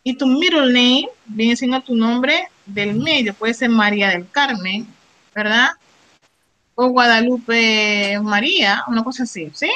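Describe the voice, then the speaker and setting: A middle-aged woman teaching an English class, reading English phrases slowly and explaining them with frequent "right?" check-ins. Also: a little high, sharp tone, poor audio. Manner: reads English slowly, then explains in Spanish with frequent "¿verdad?". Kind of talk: classroom lesson.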